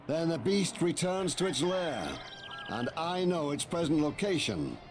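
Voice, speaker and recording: An actor playing an earnest veteran army captain in a fantasy game, speaking in mock-archaic, biblical-sounding formal phrases. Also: male voice, fairly high pitch, sing-song, a little slow, over music. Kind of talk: scripted fantasy game dialogue.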